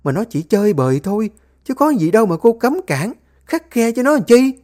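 A storyteller voicing a cruel, domineering older mother-in-law who scolds and shouts. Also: medium pitch, lively intonation, fast talker, pitched above the performer's own voice, close to an everyday voice. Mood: scolding.

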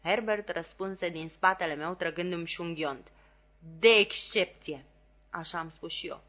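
A woman narrates a novel in calm, steady audiobook style. Her voice sits somewhat low for a woman. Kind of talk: scripted narration.

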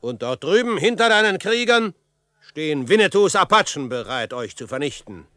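A man's voice: fairly high pitch, big pitch swings, normal speed, bright, forceful tone, no room sound, studio quality. An actor playing a bold, self-assured frontiersman in a radio drama, speaking in a commanding, formal, declamatory way. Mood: proud, threatening. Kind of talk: German radio drama acting.

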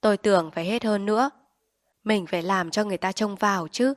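A woman's voice: mid-range voice, fairly quick, lightly acted. A woman reading aloud voices a proud village husband who waves away what the funeral cost. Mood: dismissive.

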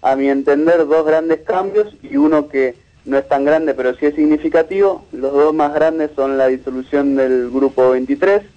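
A man, a media researcher giving a measured, analytical interview with frequent restarts. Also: a little high, steady tone, dull audio.

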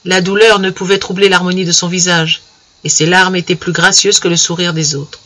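A man reads a classic story aloud with measured, expressive storytelling. His voice is high and bright, carrying a clear, lifted tone. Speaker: audiobook reader. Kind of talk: scripted literary narration.

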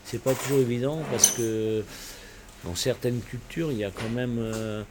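A man in his sixties, originally from Portugal and a native Portuguese speaker, is interviewed in a bar with background noise. Speaking in a mid-range, fairly even voice, he reminisces casually and reflectively, hesitating, stopping and starting over.

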